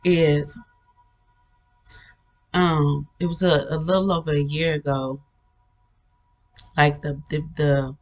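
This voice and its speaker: A woman's voice: deep voice, fairly even intonation, slow pace, pauses often. A woman hosting a spiritual channel, telling about a vision in a casual, rambling way, with many restarts and frequent laughter. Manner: earnest, storytelling.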